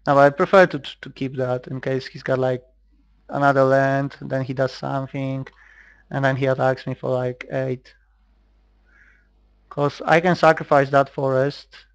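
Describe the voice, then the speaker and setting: A Polish man with a Polish accent and a mid-range voice with vocal fry records himself playing an online card game, giving casual, hesitant commentary as he thinks aloud. His tone is clean and there's no echo, though the audio sounds dull.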